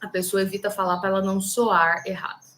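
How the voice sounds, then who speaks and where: A woman's voice: mid-range voice, fast talker, a little hiss or hum. Chatty Brazilian woman teaching live. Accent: Brazilian Portuguese. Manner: chatty, animated, talks straight to viewers. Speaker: English teacher. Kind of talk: live online English lesson.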